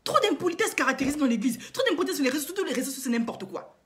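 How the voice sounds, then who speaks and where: High-voiced indignant woman vlogger. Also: lively intonation, racing, noisy background. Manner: indignant, emphatic rhetorical questions with repetitions. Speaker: online coach and vlogger. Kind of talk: impassioned moralizing monologue to viewers.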